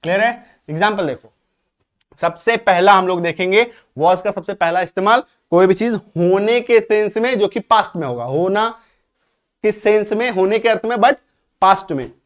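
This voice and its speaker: A man from India teaching English grammar, explaining step by step, slowing down for example sentences and often checking that students follow. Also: sits high. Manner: slows right down when reading out English examples. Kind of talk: grammar lesson.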